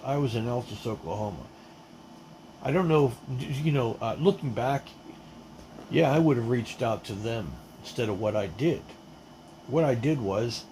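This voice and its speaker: A man's voice: medium pitch, darkish tone, slight background noise, low-quality recording. A man telling his life story in a casual, rambling way, full of restarts, blunt and emphatic. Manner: rambling, with many fillers and restarts. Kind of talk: casual spoken testimony.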